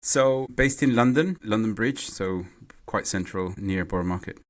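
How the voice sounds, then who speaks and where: A man from Mexico, a guest in a podcast interview, talking in a halting way and repeating words as he thinks. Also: lowish voice. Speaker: podcast guest, renewable energy CEO. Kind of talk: casual interview conversation. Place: home or office in London.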